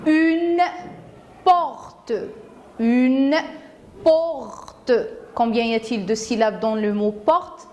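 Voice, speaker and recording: A woman's voice: a little high, steady tone, drawn-out words, pauses often, a little mellow. A woman teacher gives a phonics lesson to young children. She says each word carefully, repeats it, and breaks it into syllables. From Morocco. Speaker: primary school teacher.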